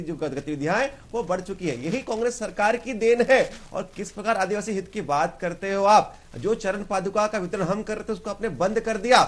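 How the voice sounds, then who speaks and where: A man speaking as a party spokesperson in a televised debate, rebutting point by point with rhetorical questions. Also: high-pitched.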